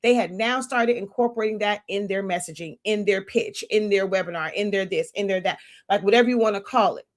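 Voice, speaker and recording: On an unscripted livestream, a female business mentor lectures in a blunt way, frequently halting to find the right word. Her voice is mid-range and fairly quick, with few pauses.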